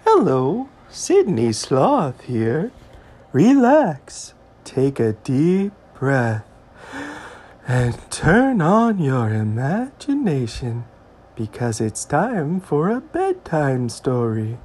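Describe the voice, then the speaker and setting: Sydney Sloth, a very slow, deep, sing-song sloth. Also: female voice, wildly swooping pitch, mellow, full character voice. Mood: calm, soothing. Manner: drawn-out, sing-song delivery. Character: slow, gentle sloth host of bedtime stories. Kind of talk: soothing bedtime devotional talk. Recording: guitar music playing underneath.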